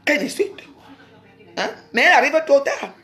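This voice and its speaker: A woman's voice: high voice, very animated, normal speed, bright, forceful tone. A woman from Cameroon, ranting angrily on a home live stream, scolding and repeating herself. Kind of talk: angry live-stream rant. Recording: roomy echo.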